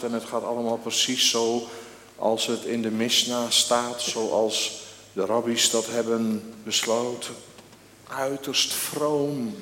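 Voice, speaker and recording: Man preaching, slow deliberate delivery, loud emphatic peaks, roomy church reverb, faint hiss. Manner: rises to loud emphatic peaks, then drops low and slow. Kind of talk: sermon. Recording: echoey church hall with long reverb.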